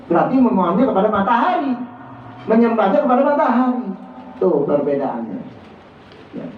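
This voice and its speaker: A man's voice: sits high, big pitch swings, moderate pace. A man teaching Quran recitation in a prayer room, correcting pronunciation and demonstrating the proper sounds with small chuckles. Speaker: religious teacher. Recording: roomy, distant, phone-like, faint hiss.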